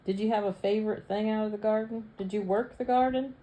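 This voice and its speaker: A woman's voice: medium pitch, steady tone, fast, mellow, low-quality recording. A woman interviewing her father casually, prompting him with curious questions.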